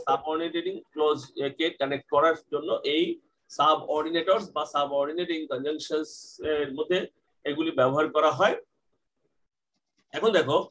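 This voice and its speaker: A man teaching English grammar in Bengali, asking questions and answering them himself, and reading English example sentences slowly. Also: a little high, a bit bright, rough recording.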